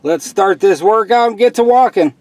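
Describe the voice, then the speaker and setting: A middle-aged American man chatting casually to viewers in an unhurried way while walking outdoors, recorded on a built-in microphone with wind noise. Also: sits high, animated, a little mellow, no room sound. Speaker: hiking vlogger. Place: outdoors in a windy wooded park. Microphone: camera's built-in microphone while walking. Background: wind, faint outdoor noise.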